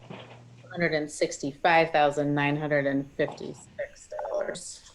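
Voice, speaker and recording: A woman's voice: low voice, level tone, slow, a little hiss or hum, rough recording. A woman on a video call reporting budget totals in a matter-of-fact way.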